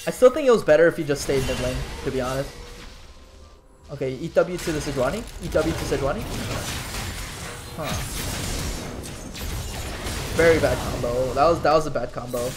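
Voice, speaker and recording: A man's voice: on the high side, expressive, normal speed, pauses often, music in the background. Man coaching over a game replay. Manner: conversational, restarts sentences, swears casually. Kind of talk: casual gameplay analysis commentary.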